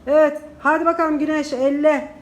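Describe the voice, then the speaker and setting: A woman's voice: sits high, flat delivery, moderate pace, a little hiss or hum. A woman primary school teacher dictating words and short phrases to young pupils, repeating them and giving instructions and encouragement. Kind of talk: classroom dictation drill. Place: indoor classroom.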